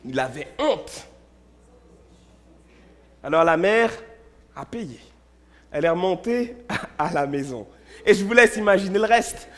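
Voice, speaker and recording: A high-pitched man preaching in a church. He tells stories, repeats words in bursts and swings between loud and hushed delivery. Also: expressive, a little slow, long pauses. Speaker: pastor. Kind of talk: sermon.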